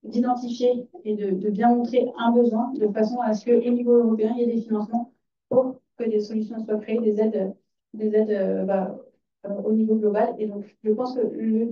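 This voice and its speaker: Flat-toned woman speaking in an echoey room. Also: fairly high pitch, brisk. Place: conference room. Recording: echoey, distant, dull room sound.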